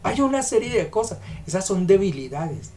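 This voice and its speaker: A man's voice: sits high, big pitch swings, moderate pace, darkish tone. A man preaching a sermon, emphatic and questioning, putting rhetorical questions to the congregation.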